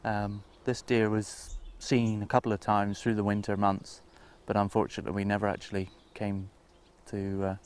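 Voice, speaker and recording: A man who works as a deer stalker, explaining informally in a halting, matter-of-fact way. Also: lowish voice, completely flat delivery, darkish tone, smooth.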